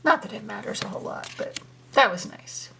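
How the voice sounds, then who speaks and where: A woman's voice: mid-range voice, lively intonation, a little fast, creaky, pushed and bright, a little hiss or hum. A woman hosting a casual tarot unboxing video, musing to herself as she handles the cards, a little out of breath. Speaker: tarot channel host.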